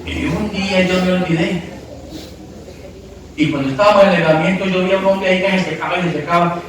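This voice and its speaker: A pastor preaching emphatically, asking the congregation questions and breaking into shouts, recorded from a distance in an echoey church hall. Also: male voice, sits high, steady tone, quick pace, slight background noise. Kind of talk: sermon.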